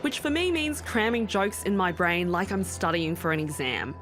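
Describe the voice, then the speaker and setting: A woman's voice: on the low side, animated, normal speed, fairly bright tone. Aussie woman comic from melbourne, bouncy up-and-down voice, laughs a lot, music underneath. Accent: Australian. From Melbourne, Australia. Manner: chatty, laughs often. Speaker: comedian and show host. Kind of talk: travel-show narration and stand-up.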